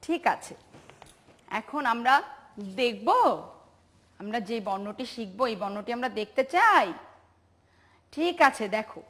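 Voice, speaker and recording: A woman's voice: fairly high pitch, animated, unhurried, long pauses, a bit bright. A woman teaching a televised preschool lesson, patient and sing-song, asking questions and praising the children. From Bangladesh.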